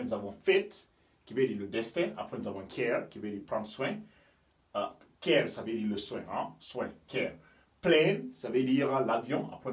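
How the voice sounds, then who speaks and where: A man from Guinea teaching English vowels, explaining patiently and often checking with "ok?" and "you understand me?". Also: on the low side. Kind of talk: bilingual language lesson. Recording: voice from a distance from the mic.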